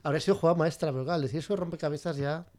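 A man co-hosting a casual podcast panel, jumping in quickly and laying out his opinions. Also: a little high, a little mellow, a little hiss or hum. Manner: rapid, quick to interject and argue. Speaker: podcast co-host.

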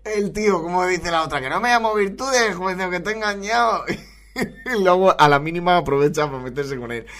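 Brief: high-pitched male comedy podcast host, rambling, laughs often. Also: a little fast. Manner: laughs a lot, excitable rambling commentary. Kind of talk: comedy podcast commentary on clips.

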